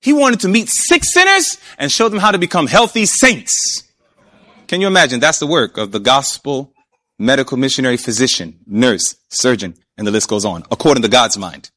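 A man preaching a sermon, emphatic, often asking his listeners questions and slowing down to stretch key words. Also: mid-range voice, expressive, bright, forceful tone. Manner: emphatic, asks the audience questions.

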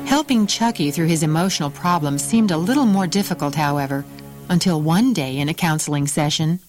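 A woman giving scripted story narration in a measured, serious manner. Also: low voice, darkish tone. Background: music under the narration.

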